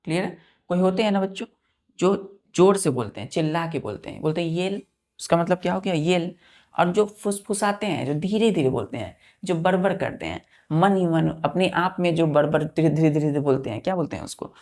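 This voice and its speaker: A woman teaching a vocabulary lesson, slowly spelling words out letter by letter and often asking her students whether it is clear. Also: fairly low pitch, darkish tone. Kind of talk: classroom lesson.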